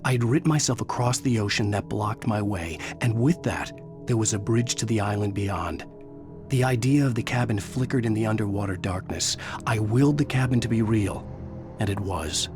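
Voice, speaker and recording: A man plays a haunted, resolute writer telling his own story in a video game. The voice sits low and speaks in measured, literary phrases, weary and brooding. A dramatic score plays clearly behind it. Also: close to an everyday voice. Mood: reflective, ominous. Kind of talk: dramatic scripted game narration. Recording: music behind voice.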